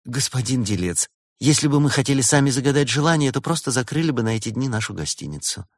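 A man voicing a composed, polite female innkeeper in a storybook reading, speaking calmly in a raised voice. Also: medium pitch, quick pace, no echo, studio quality, voice pushed up. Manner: calm, composed.

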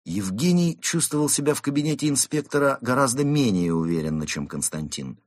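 A man narrating a children's story in a lively storytelling manner. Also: medium pitch, a little fast, dry recording, clean studio sound. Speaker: audiobook narrator. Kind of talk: scripted narration.

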